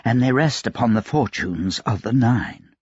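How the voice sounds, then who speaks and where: A man's voice: mid-range voice, moderate pace, slightly rough, no room sound, muffled recording. A man voicing a cold, emotionless noble. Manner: calm, detached, menacing.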